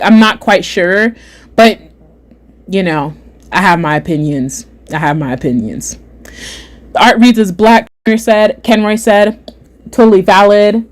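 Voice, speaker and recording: A young adult woman hosting a casual livestream chat, reading viewer comments aloud, animated and repeating herself often. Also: mid-range voice. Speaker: livestream host.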